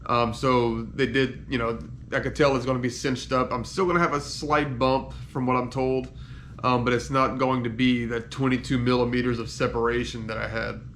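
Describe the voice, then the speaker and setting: A man recording a casual video diary while in pain and on painkillers after surgery, congested with a head cold, speaking haltingly and trailing off. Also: medium pitch, level tone, a bit bright, slight background noise. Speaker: patient giving a recovery update.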